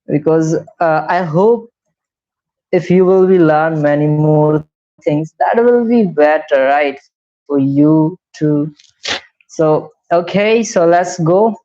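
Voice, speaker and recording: A young man with an Indian English accent teaches a beginner English lesson on a live stream, walking through each step and often asking "right?". His voice sits on the high side, slow and warm. The lo-fi stream audio sounds slightly dull.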